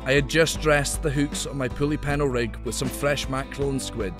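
A man giving steady, scripted voice-over narration of a fishing trip. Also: medium pitch, a little fast, over music. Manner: steady, explanatory. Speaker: channel host narrating.

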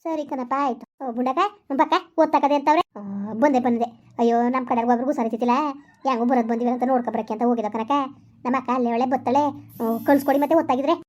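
A woman playing an elderly village woman with a rural Karnataka accent who sends off the bride in a comedy skit, giving fast, bossy advice and scolding. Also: high-pitched, steady tone, darkish tone. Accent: rural Karnataka Kannada. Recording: dull lo-fi recording.

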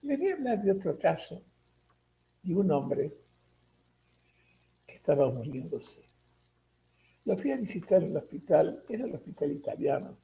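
A man with a gravelly voice leads a live spiritual class. He retells people's stories and speaks straight to his listeners, his pitch swinging widely with a mellow, darker tone. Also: sing-song, normal speed, pauses often, poor audio. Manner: retells conversations, addresses listeners directly. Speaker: spiritual teacher.

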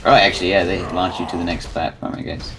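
Man, low voice, creaky edge, blunt exclamations, casual gaming chat. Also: level tone, quick pace, over music. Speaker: gamer in a group play session.

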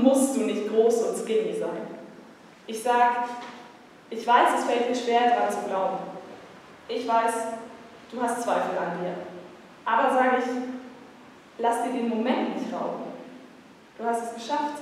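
A woman's voice: fairly high pitch, a little hiss or hum. A woman, performing as a slam poet at a live event, with a rhythmic spoken-word delivery built on repeated refrains. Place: large hall in a music school. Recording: echoey hall recorded from far off.

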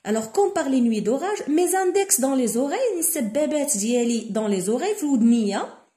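A woman with a Moroccan accent tutors students through a novel, reading each line slowly and then explaining it with many fillers. Her voice sits a little high and has a mellow tone. The sound rings with room echo. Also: animated. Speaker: French literature tutor. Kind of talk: code-switching lesson explaining a novel.

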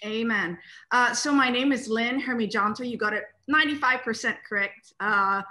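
A woman's voice: fairly high pitch, normal speed, sharp tone. A woman, a guest on a video-call interview, speaking in an upbeat, friendly way. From Singapore.

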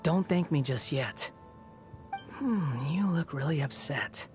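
Aloof, sardonic young Scaramouche, game music behind. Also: male voice, on the high side, lively intonation, darkish tone. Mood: cool, sardonic. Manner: cool, sardonic, deliberate. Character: aloof, cynical young man, proud former villain. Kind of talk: video game dialogue acting.

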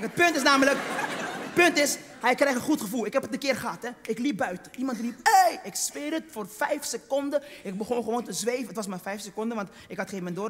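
A man's voice: extremely high pitch, sharp tone, a little hiss or hum. A man doing live stand-up on a theatre stage, chatty and teasing the audience, his voice tired and strained. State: tired voice, strained vocal cords. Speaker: stand-up comedian. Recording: live theatre recording with long hall reverb.

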